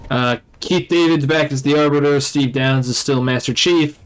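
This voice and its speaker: A man's voice: fairly high pitch, normal speed, clear, resonant tone, poor audio. A man giving casual, conversational commentary as a let's play host. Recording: game noise behind the voice. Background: video game sound.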